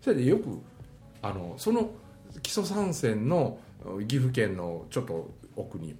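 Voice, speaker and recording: A man's voice: medium pitch, unhurried, echoey room, soft background music. A man from Mie with a Kansai-style Mie dialect, chatting casually and telling stories with laughter. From Mie, Japan. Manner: animated, laughing storyteller. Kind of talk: casual chat.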